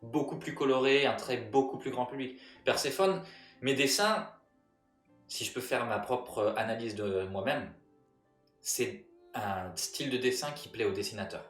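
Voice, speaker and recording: A man's voice: mid-range voice, measured pace, a bit bright, reverberant, far from the mic, soft background music. A man with a French accent chatting casually with viewers while streaming his illustration work, joking and mocking himself. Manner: joking, self-mocking, sarcastic. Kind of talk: casual livestream chat with viewers.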